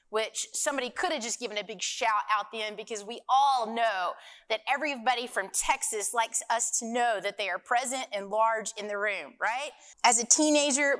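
A middle-aged woman with an Arkansas accent speaks in a smooth, fairly high voice. She addresses a conference audience in a chatty, folksy way, full of asides, and her words ring with the long reverb of a hall. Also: a bit bright. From Arkansas, United States. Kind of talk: informal talk to an audience.

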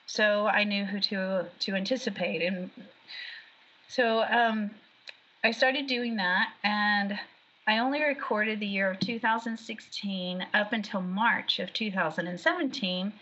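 Chatty woman actress talking about set work, bright voice, muffled lo-fi audio. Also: mid-range voice, husky. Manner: chatty, animated, quick restarts. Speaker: actress and background artist, guest. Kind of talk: casual interview chat. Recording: dull lo-fi audio.

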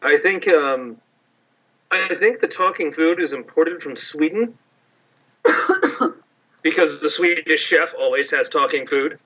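A man's voice: on the high side, a little slow, long pauses, sharp tone, breathy edge. A man co-hosting a podcast in casual chat, wandering into tangents. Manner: rambling, tangent-prone. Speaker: podcast co-host. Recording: dull lo-fi sound.

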